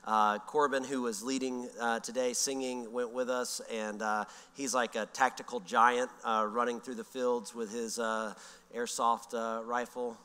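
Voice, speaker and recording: A man, telling a story in a relaxed, rambling way full of fillers. His voice is bright and crisp. It carries a long reverb from a large church hall. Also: mid-range voice, unhurried. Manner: folksy, rambling with frequent fillers. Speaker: pastor. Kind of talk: sermon with personal story. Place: church sanctuary.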